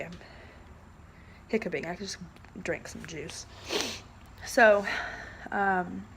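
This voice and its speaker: A woman's voice: medium pitch, creaky, fairly bright tone, slight background noise. A young woman vlogging in a casual, rambling way, full of "like" and "um" as she chats to the camera. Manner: rambling, chatty, frequent "like" and "um". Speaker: vlogger, military spouse.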